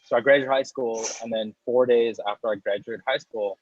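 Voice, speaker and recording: An American man in his thirties, a coffee roaster and business owner, is a guest in a casual interview, rambling through his story with restarts and little laughs. His mid-range voice holds a steady tone at a slightly fast pace. The audio is dull, with no echo.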